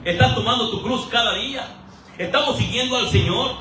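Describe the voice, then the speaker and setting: Male preacher, high bright voice, lively rhetorical sermon style, mic at a distance in an echoey church. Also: fairly quick, background noise. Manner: animated, rhetorical questions, acts out quoted voices for humor. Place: church hall. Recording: roomy echo, voice from a distance.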